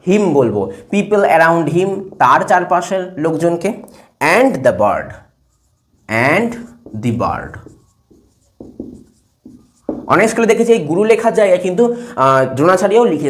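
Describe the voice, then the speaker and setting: Man, teacher, fairly high voice, asks and answers his own questions, slows to spell words out. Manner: slows down to spell and read English words aloud. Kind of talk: classroom English lesson explained in Bengali.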